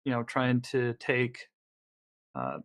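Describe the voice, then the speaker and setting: A man's voice: mid-range voice, sing-song, slow. A man playing a tabletop role-playing game, describing his character's actions in a loose, rambling way. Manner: thinking aloud, loose and rambling. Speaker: player.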